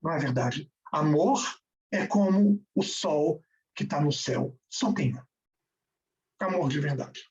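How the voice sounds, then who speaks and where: A man voicing a rich, generous man from an old tale, speaking graciously and calmly. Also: fairly high pitch, unhurried, voice pushed down, close to an everyday voice. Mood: calm firm. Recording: distant, dull recording.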